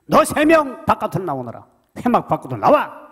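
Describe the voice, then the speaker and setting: A man's voice: high voice, wildly swooping pitch, moderate pace, fairly bright tone, slightly rough, pitched above the performer's own voice, exaggerated voice. A man voicing God as a stern figure who summons and scolds, within a sermon. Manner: scolding, commanding. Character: stern God rebuking a sister, male.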